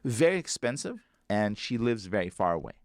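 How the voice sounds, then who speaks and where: A man, an author and guest, telling a story with animated, swooping emphasis. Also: lowish voice, a little fast, dry recording, clean studio sound.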